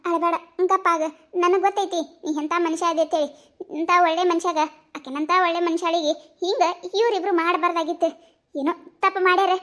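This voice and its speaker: A fiery village woman from a comedy cartoon, as a woman voices her, scolding in a North Karnataka accent. Her voice is very high and her words come fast, full of quick back-and-forth banter. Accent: North Karnataka Kannada.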